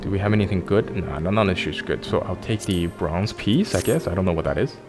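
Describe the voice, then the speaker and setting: A man's voice: sits low, expressive, fast, over music. A man hosting a let's play, chatting casually and cracking jokes while he thinks aloud. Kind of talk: casual gameplay commentary.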